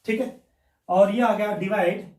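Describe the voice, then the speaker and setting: A man teaches a maths lesson in a high voice. He talks the class through every step and keeps asking his own questions before he answers them. The sound is roomy and echoing, with the mic some way off. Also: fairly even intonation, unhurried, darkish tone. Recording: echoey room, mic at a distance.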